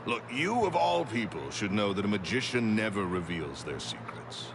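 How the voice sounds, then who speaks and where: A man's voice: on the low side, very animated, moderate pace. An actor playing a curt, impatient man near forty in a video game. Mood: scornful, impatient. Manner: curt, scornful, commanding. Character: gruff impatient middle-aged man, hostile. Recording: game audio with clear background noise.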